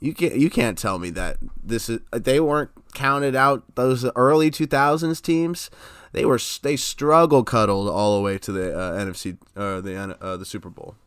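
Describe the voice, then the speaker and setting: A man's voice: medium pitch, normal speed, a bit bright, clean tone, dry recording, studio quality. A man co-hosting a sports podcast, giving opinionated football analysis in casual chat. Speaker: podcast co-host.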